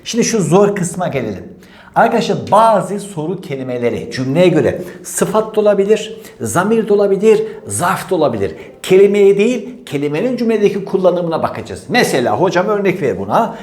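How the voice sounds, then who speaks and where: Animated male teacher in an echoey room. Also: sits high, brisk. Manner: emphatic, repeats key rules, acts out student questions. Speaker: Turkish grammar teacher. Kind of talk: animated exam-prep lesson.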